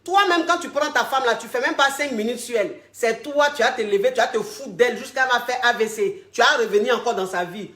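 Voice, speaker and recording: A woman's voice: fairly high pitch, fairly bright tone, roomy sound. A woman relationship coach on a call-in advice show, giving blunt, preachy advice and mocking insults. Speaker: relationship coach answering callers.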